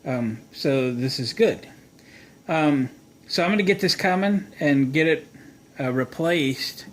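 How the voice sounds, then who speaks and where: An American man with a fairly high, expressive voice speaks slowly while hosting a repair tutorial. Folksy and informal, he thinks aloud through the demonstration, and background noise is clearly audible.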